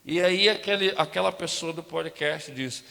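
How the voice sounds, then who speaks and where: Brazilian pastor preaching in a reverberant hall. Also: male voice, a little high, moderate pace, gravelly. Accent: Brazilian Portuguese. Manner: animated storytelling, acting out dialogue and addressing the congregation. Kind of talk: storytelling sermon. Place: church sanctuary. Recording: long hall reverb from a church sanctuary.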